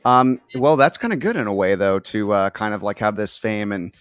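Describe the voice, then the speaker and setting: A man in his late thirties hosts an interview in a relaxed, rambling way, filling his sentences with likes and uhs. His voice sounds dry and close, with no room around it. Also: fairly low pitch, normal speed, clear, resonant tone, dry recording. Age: 30s. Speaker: show host. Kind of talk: casual interview chat.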